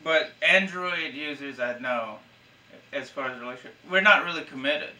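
A man's voice: on the high side, moderate pace, sharp tone, recorded from a distance. A man in his thirties chatting casually on a podcast, telling stories in a rambling, profane way. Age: 30s. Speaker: podcast host. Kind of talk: casual chat.

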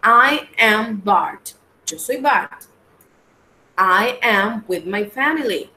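A woman's voice: medium pitch, animated, bright, forceful tone, roomy sound, slight background noise, poor audio. Colombian woman teaching English online. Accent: Colombian Spanish. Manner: explains in Spanish, slows down to model English phrases. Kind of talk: online class lecture.

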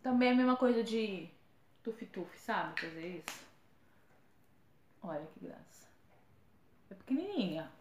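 A woman's voice: medium pitch, lively intonation, measured pace, long pauses, a little mellow, a little hiss or hum. A woman chatting casually through an unboxing, often stumbling over brand names. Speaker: vlogger. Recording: echoey room, faint ambience.

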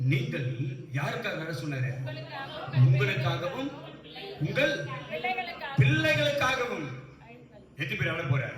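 A male pastor with a Tamil Nadu accent preaching a sermon with fervour, often building to shouted exclamations. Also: fairly high pitch. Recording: echoey hall from far off, with music.

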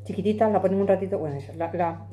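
Speaking very fast in a dark voice on the low side, a woman in her forties from Madrid chats casually to camera while eating. The vlog is shot in her home kitchen on a phone camera sitting on the table. She's chatty and emphatic and talks with her hands.

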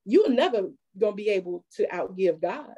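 A woman preaching a sermon at a church women's fellowship, lively and conversational, drawing call-and-response from the congregation. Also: mid-range voice, moderate pace, low-quality recording.

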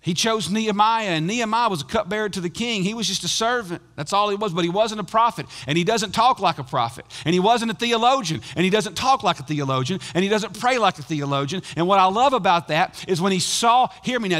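A middle-aged man's voice sits high as he preaches, shifting from loud emphatic outbursts to quiet, intense asides. The sound is that of a big room.

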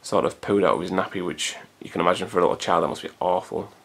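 Here a man in his thirties, a vlogger, talks fast and loosely to his home camcorder through its built-in mic in a hot room. His low voice has a gravelly fry running through it, and he's chatty and rambling, swearing casually in an everyday way.

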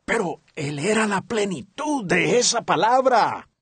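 A man's voice: high voice, very animated, a little slow, fairly bright tone. A man dubbing a sermon as an interpreter, earnest and following the preacher's rhythm, on a close studio mic. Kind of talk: dubbed sermon translation.

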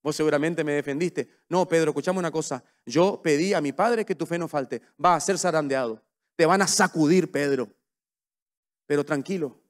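A male pastor, preaching a sermon with passion, swinging between soft and loud. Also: on the high side, normal speed. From Paraguay.

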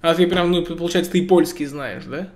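A man's voice: on the high side, a little fast, a little mellow. A man in his twenties chatting and joking with strangers over a video call, laughing often. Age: 20s. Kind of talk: casual video chat. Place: indoor room, seated in a chair. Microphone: webcam video call.

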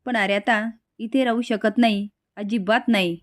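A woman's voice: mid-range voice, steady tone, normal speed, no room sound, clean studio sound, close to an everyday voice. A woman reading the lines of an upset adult man in a retold serial episode, raising her voice in reproach. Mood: angry, hurt.

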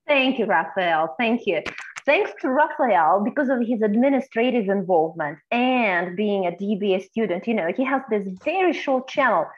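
A woman's voice: mid-range voice, expressive, normal speed, highs cut off. Woman moderating a video-call roundtable. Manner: warm, encouraging, calls on speakers by name. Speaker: faculty moderator.

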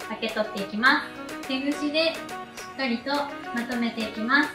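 A woman with a high voice guides a hairstyle step by step in an unhurried, gentle way. She sounds distant from the mic in an echoey room. Music plays clearly behind her. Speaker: hair tutorial narrator. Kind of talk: calm step-by-step voice-over instruction.

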